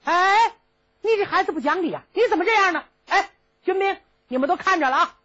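A woman's voice: very high voice, animated, brisk, fairly bright tone, voice pushed up. A woman voicing a blustering old prince who complains indignantly, in a dull lo-fi recording.

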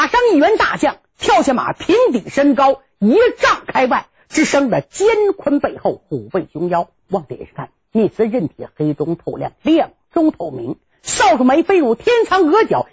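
A woman performing a traditional story with a lively, dramatic delivery. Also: high-pitched, slightly rough. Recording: dull lo-fi recording.

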